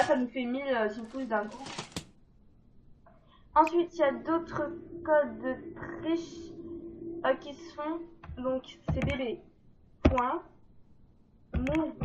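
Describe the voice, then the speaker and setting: A woman explaining game cheat codes in a casual, rambling let's-play, full of fillers and self-deprecating asides. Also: sits high. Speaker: gaming video creator. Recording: dull lo-fi mic with faint noise.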